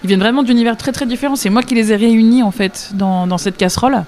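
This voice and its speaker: A woman's voice: on the high side, quick pace, darkish tone, slight background noise. A woman musician being interviewed on the radio, talking chattily and enthusiastically, with frequent restarts and easy laughter. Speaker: musician guest.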